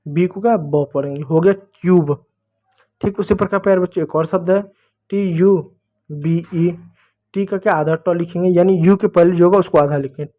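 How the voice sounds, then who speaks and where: A man's voice: a little high, darkish tone. A man teaching English phonics to children, patiently repeating each step with questions. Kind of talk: blackboard phonics lesson for children.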